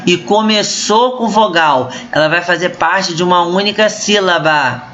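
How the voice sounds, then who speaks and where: A woman's voice: fairly low pitch, a little slow, fairly bright tone, a little hiss or hum. A woman with a Brazilian accent explains a literature lesson to her students in a recorded online class, often checking in with them as she goes. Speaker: literature teacher. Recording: muffled lo-fi recording.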